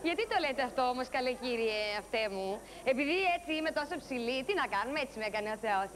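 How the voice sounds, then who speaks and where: A woman's voice: high voice, expressive, a little hiss or hum. A gawky, naive tall girl. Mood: coy pleading. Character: very tall, naive, shy young woman auditioning. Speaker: applicant for a TV prize-presenter job. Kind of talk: TV sketch comedy acting.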